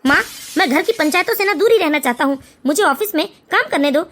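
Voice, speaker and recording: Grown son voiced by a woman, high pitch, bright, curt, dismissive, cartoon story. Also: lively intonation, fast. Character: busy adult son, dismissive of quarrels. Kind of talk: animated storytelling voice acting.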